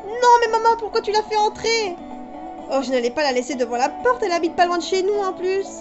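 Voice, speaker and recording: A woman's voice: very high voice, fast talker. A woman doing a cheeky teenage sister. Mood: outraged. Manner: teasing, excitable. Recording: dull lo-fi with music behind.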